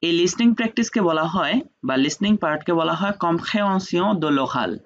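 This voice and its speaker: A man's voice: high voice, animated, normal speed. A man teaching a French class online, patient, who breaks words down syllable by syllable. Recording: dull lo-fi online call audio.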